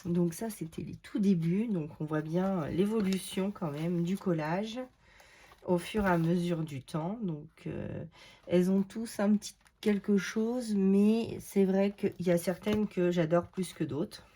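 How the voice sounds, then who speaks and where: A woman's voice: on the low side, a little slow, dark tone, slight background noise. A woman chatting casually as she works through a collage craft tutorial at home, with lots of fillers along the way. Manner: chatty, many fillers, talks while working. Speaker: craft video creator.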